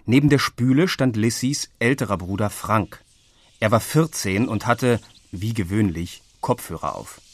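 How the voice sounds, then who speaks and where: A man narrating a children's audiobook in a lively way, switching into the characters' voices. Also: fairly low pitch, measured pace, dry recording. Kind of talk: audiobook reading.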